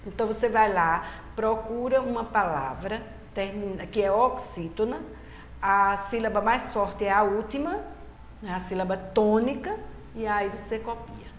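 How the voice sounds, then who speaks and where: A woman's voice: medium pitch, unhurried. A woman teacher with a Brazilian Portuguese accent, giving a recorded lesson and explaining step by step, repeating key words patiently. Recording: roomy echo with faint background hiss.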